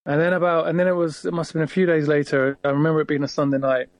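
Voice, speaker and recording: Man with a gravelly voice telling a rambling story. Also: on the high side, level tone, racing, no room sound. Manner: rambling, heavy with fillers, acts out quoted lines. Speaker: guitarist guest. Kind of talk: casual anecdotal storytelling.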